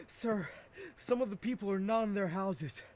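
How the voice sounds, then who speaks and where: A man's voice: sits high, lively intonation, measured pace, a little mellow. An actor playing a nervous male spy in a game, reporting in a deferential, apologetic way.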